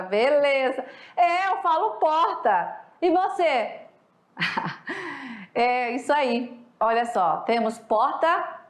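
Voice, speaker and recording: High-voiced Brazilian woman teaching a class. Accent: Brazilian Portuguese. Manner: chatty, keeps checking in with the class. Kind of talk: recorded online class lecture. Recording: echoey room.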